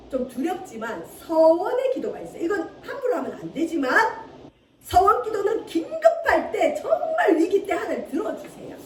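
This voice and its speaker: Woman pastor preaching in an echoey church from far off, really high voice, acts out prayers all laughy and pleading. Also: a little mellow, slight background noise. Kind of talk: sermon. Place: church sanctuary.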